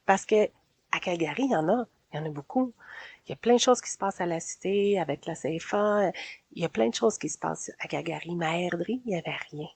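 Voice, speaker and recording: A woman's voice: lowish voice, quick pace, creaky, darkish tone, slightly rough, no echo. A sociable woman in her forties with a Québécois French accent, casually telling her own story in an interview and laughing often between phrases. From Quebec.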